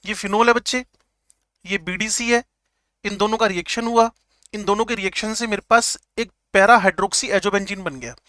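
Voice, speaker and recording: Male chemistry teacher, joking lecture style, repeats terms slowly, high bright voice, dry sound. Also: no room sound. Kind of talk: classroom lecture.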